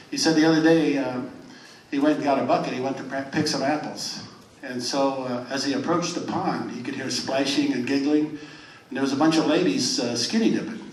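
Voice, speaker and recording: An older man telling jokes to a live audience in a clubhouse, with folksy, rambling set-ups and quick punchlines. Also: medium pitch, a little hiss or hum. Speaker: stand-up comedian. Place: clubhouse of a retirement community. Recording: roomy, distant mic in a hall.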